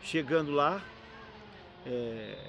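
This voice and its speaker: A middle-aged man, telling stories as a podcast guest in a lively, slangy way. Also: on the high side, drawn-out words, creaky, highs cut off. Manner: lively, slangy, animated storyteller. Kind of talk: casual anecdotal storytelling.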